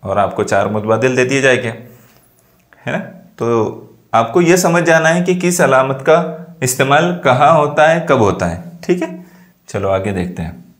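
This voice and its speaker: A man teaching a grammar lesson, explaining slowly and checking often that students follow. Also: medium pitch, very animated. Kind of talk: classroom lesson.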